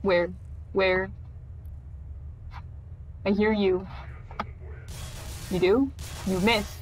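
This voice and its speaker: A woman streaming a video game, chatting casually, laughing often and yelling at enemies. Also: mid-range voice, fairly even intonation, very slow, low-quality recording. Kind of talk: casual gameplay chat.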